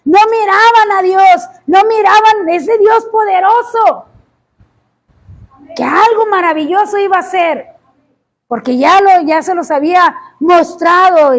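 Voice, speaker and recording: A woman preaching a sermon, impassioned, often rising to shouts and drawing out words for emphasis. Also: very high voice, unhurried.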